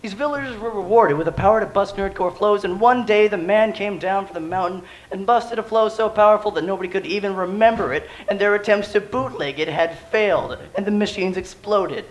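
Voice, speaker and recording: A man with a hoarse, worn-out voice stands on a stage at a live show and spins a grand, mock-epic tale. He keeps it deadpan and wry, poking fun at himself as he goes. His voice sits fairly high for a man. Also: fairly quick, hardly any pauses, rough recording. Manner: deadpan, wry, self-mocking. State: hoarse, has lost his voice. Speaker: nerdcore rapper performing live.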